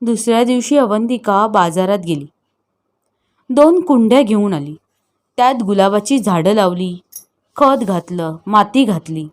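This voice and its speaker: A woman storyteller narrating an audio story in a measured, expressive way. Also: mid-range voice.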